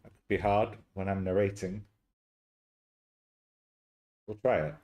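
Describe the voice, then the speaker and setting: A man's voice: low voice, steady tone, unhurried, highs cut off. Chatty man streaming a game. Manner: chatty, jokey, easily sidetracked. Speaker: streamer reading a visual novel aloud. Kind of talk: casual live-stream chat and game narration.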